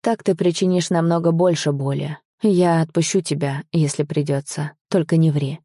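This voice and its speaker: A woman voicing a brooding young man in a wheelchair, gruff and bitter but tender. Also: low-pitched, steady tone, moderate pace, dark tone, no echo, studio quality.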